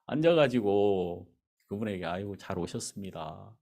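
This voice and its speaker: A male pastor preaches in a church sanctuary, telling a story and animatedly acting out its dialogue. His voice is low and creaky, at normal speed.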